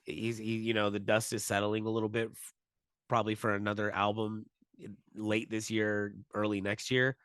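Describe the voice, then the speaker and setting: A man's voice: fairly low pitch, completely flat delivery, moderate pace, fairly bright tone, smooth, no room sound. A man co-hosting a podcast in casual chat, chatty and laughing, swearing freely. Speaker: podcast co-host. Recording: dry close sound.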